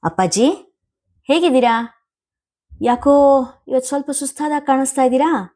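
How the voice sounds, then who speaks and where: A woman voicing a caring young man who gently asks after an elderly father in a storybook reading. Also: sits high, normal speed, voice pushed up. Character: caring young man, attentive son figure.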